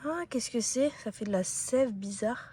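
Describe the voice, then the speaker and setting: A lifestyle vlogger chats casually to her handheld camera around her home and garden. Her fairly high voice has a dark, slightly rough tone at a normal pace, and she rambles, laughs a lot and makes fun of herself.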